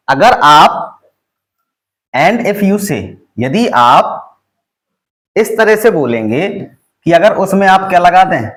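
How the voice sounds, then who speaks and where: A man teaching a spoken English lesson, asking the class questions and answering them himself, and reading English example phrases slowly and deliberately. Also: on the high side.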